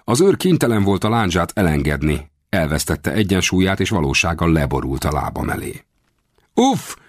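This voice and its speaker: A man narrates an adventure audiobook in the first person, his low voice moving lively up and down. He reads expressively and climbs higher whenever characters shout. The sound is close and dry, with no room around it. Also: no room sound. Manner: expressive, raises pitch for shouted dialogue.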